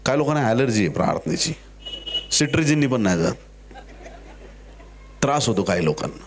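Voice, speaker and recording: A man preaching a sermon, acting out the characters in his stories with jokey asides and building to loud exhortation. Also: medium pitch, big pitch swings, fairly quick, a little hiss or hum. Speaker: pastor.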